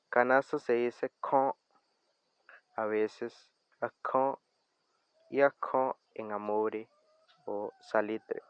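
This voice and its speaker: Slow, careful male language teacher. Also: medium pitch, smooth, no room sound, muffled recording. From Costa Rica. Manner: slow, careful, spelling out sounds and example words. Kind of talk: scripted language lesson narration.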